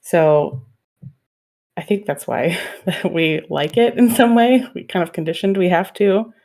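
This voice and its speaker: A woman's voice: lowish voice, measured pace, a little mellow. A woman in her thirties co-hosting a podcast, frank and chatty, laughing often. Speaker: podcast co-host. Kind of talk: casual chat.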